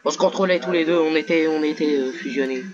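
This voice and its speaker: A man's voice: on the high side, fast. Man gaming casually, dull lo-fi sound, chatter behind. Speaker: video game player. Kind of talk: casual gaming chat during co-op play. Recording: dull lo-fi audio, other voices behind. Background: other people talking.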